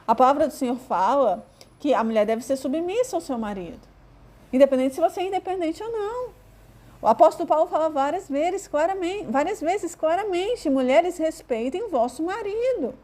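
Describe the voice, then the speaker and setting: Brazilian lady preaching like she's chatting, high pitched, lots of "né" and "tá" type fillers. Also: animated, normal speed, darkish tone. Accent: Brazilian Portuguese. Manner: conversational, hesitant with fillers, acts out quoted voices. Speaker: Bible teacher. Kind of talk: informal sermon.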